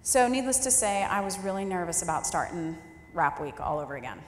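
A woman in her thirties delivers a candid, wry storytelling keynote at a leadership forum, her fairly low voice moving in a sing-song pattern at a slightly quick clip. The large hall gives a roomy sound with long reverb, and there's a faint hiss or hum.

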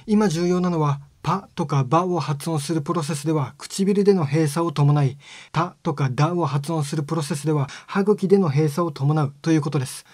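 A man giving a scripted lesson on speech sounds, explaining step by step in a calm, polite way. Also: fairly high pitch, fairly quick, no echo, studio quality. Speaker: phonetics teacher.

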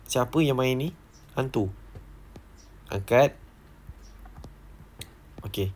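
A young man, commentating a horror game and often bursting into shouted exclamations. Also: mid-range voice, very slow. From Malaysia. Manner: excitable, frequent shouted exclamations. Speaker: gaming YouTuber.

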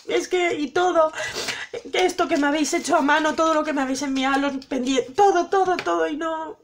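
A woman's voice: high-pitched, a little hiss or hum. A middle-aged woman from Spain, gushing and emotional as she opens gifts from viewers at home, exclaiming over each one. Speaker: vlogger opening viewer gifts. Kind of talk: excited unboxing chat.

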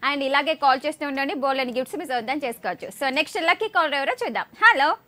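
Bright, high-voiced woman quiz host. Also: rapid-fire. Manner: loud, teasing, mixes English into Telugu. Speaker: phone-in quiz show host. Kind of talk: lively live phone-in chat.

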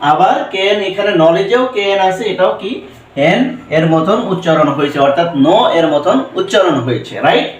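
A man's voice: sits high, animated, normal speed, slight background noise. A man teaching a pronunciation lesson, often asking a question and then answering it himself, with English phrases mixed into his explanation. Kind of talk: classroom-style pronunciation lesson. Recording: roomy echo, voice from a distance.

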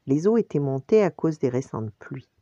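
An older woman, a grandmother, reading a bedtime story aloud in an animated way, acting out the voices. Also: a bass voice, normal speed, dry recording. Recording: dull lo-fi dry recording.

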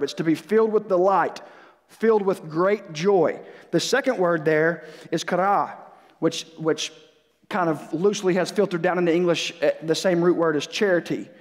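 A fairly high-pitched man preaching in a church, his voice carrying a long reverb through the hall. He talks in an earnest, conversational way that keeps restarting and building up steam, and he sounds a bit stuffed up from a cold. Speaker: pastor. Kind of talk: sermon. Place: church sanctuary.

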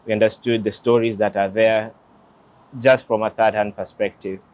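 Recorded on a lapel mic outside next to a glass building, a young Kenyan lawyer of about twenty-eight or twenty-nine tells an interviewer his story with earnest reflection. His voice is lowish, a little mellow, and fairly flat in pitch at a normal speed. The audio quality is poor.

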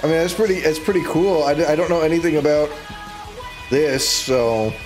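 A young man streaming, reacting to video clips with animated commentary and frequent laughter. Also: on the high side, very fast. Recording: music playing loudly behind the voice. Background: clip audio and music playing.

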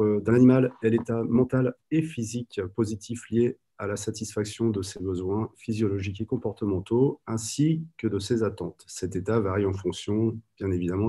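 A man gives a conference presentation over a video call, speaking from a room at home. His voice is low and husky with a dark, mellow tone. He talks hesitantly, filling his pauses with constant fillers. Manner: hesitant, many "euh" fillers. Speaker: guide dog trainer presenting at a conference.

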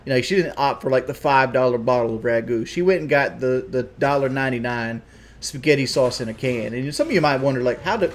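A man's voice: mid-range voice, a little fast, slight background noise. A man with a Southern US accent chatting on a stream in a rambling, crude, defensive way. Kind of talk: casual stream chat.

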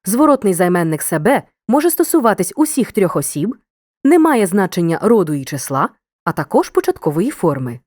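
A woman narrating a scripted grammar lesson in a clear, measured, instructive way. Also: medium pitch, sing-song, a little mellow, no room sound, clean studio sound.

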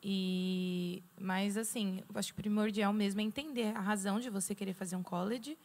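A woman on a studio panel, giving advice in a measured, explanatory way into a handheld mic. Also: mid-range voice, fairly even intonation, a little mellow. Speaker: guest student. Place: TV studio set.

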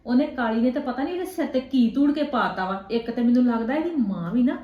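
A woman's voice: a little high, animated, fast, muffled recording, lightly acted. A middle-aged woman playing a scornful, bossy mother who scolds and sneers in a home drama. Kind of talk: web drama acting. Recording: echoey room.

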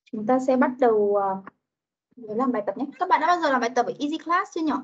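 A woman leads young children through an online English lesson with a high voice. She coaxes answers from them and slows right down to model words for them to repeat. The video-call audio is muffled and lo-fi. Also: lively intonation, slightly rough.

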